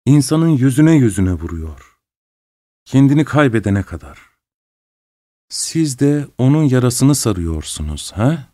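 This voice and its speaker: A man's voice: medium pitch, sing-song, unhurried, long pauses, mellow, no echo, studio quality, voice pushed up. A man reading a story, voicing a furious, defiant widow who speaks in cold, cutting accusations. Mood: scornful.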